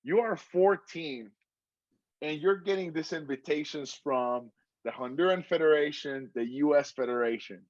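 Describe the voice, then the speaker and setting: A man's voice: fairly high pitch, moderate pace, dry recording. A man hosting a casual interview, asking long, winding questions. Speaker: interviewer and show host. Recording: slightly dull, dry lo-fi sound.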